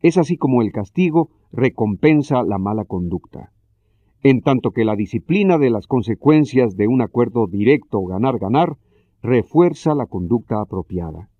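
A man narrating a scripted self-help lesson in a measured, explanatory way. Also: mid-range voice, no room sound, highs cut off.

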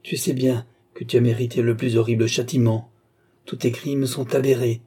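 A man voicing a furious young nobleman in an audiobook, raging and accusing, sometimes breaking into shouts. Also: medium pitch, unhurried, husky. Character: furious young male nobleman seeking revenge.

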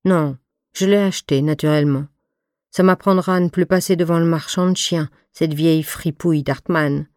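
A woman reading the part of a stern but motherly fifty-two-year-old friend, speaking in an even, soft, deep voice. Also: moderate pace, no room sound, clean studio sound, natural voice. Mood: tendre. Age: 50s. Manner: voix égale et douce; ton de voix profond. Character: femme de cinquante-deux ans, amie sévère et maternelle. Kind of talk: scripted audiobook reading.

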